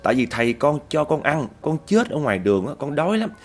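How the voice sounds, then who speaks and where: A man's voice: on the high side, sing-song, fast talker, voice pushed up. A man voicing a cowed female hungry ghost who whimpers and begs. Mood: pleading, tearful. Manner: whimpering, begging tone.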